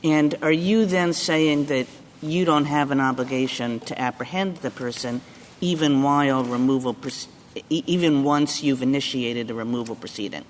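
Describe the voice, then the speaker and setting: A man's voice: medium pitch, normal speed. Man, judge, probing questions, long reverb, faint noise. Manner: probing, presses with repeated questions. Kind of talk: courtroom oral argument.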